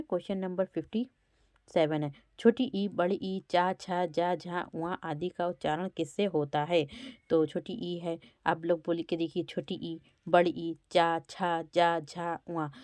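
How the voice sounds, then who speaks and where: It's an exam-prep lesson led by a woman teacher whose voice is lowish and mellow, with no echo. One by one she addresses the quiz questions, articulating each letter aloud to show its place of production.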